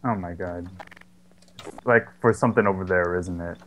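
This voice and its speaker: A gaming channel host, a young man with a deep voice, chats casually over a co-op horror game at a normal speed. He's jokey and sarcastic and swears a lot. The low-quality recording carries a little hiss or hum.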